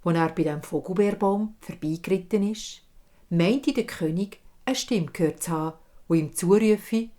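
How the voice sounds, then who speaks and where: A woman storyteller with a Swiss German accent, narrating a fairy tale in a calm, measured way. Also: fairly low pitch.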